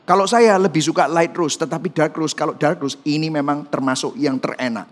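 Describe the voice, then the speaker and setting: A male pastor preaching a sermon, animated, acting out quoted people in shifting voices. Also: on the high side, fairly quick.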